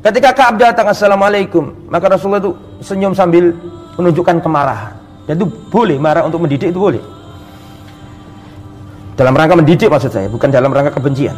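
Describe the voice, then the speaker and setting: A male preacher giving a religious lecture, telling the story in an animated, conversational way and mixing in Arabic recitation. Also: on the high side, quick pace, pauses often, soft background music.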